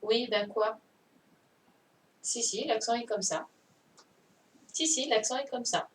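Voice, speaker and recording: Woman teacher, slow and patient, video-call audio a little distant. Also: fairly high pitch. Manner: patient, repeats and checks understanding. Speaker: primary school teacher. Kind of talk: online class dictation correction. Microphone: computer mic on a video call. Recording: distant mic with faint noise.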